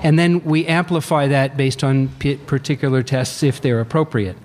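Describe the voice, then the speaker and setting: Male cardiologist, mid voice, measured answers, live hall reverb. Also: medium pitch, steady tone, a little mellow. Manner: measured, lightly hesitant. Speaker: cardiologist guest. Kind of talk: expert explanation on radio. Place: reception hall.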